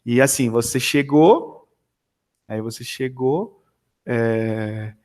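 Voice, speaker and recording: A man tutoring math one-on-one over a video call, chatting in an animated, storytelling way with many tag questions. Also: mid-range voice, takes it slowly.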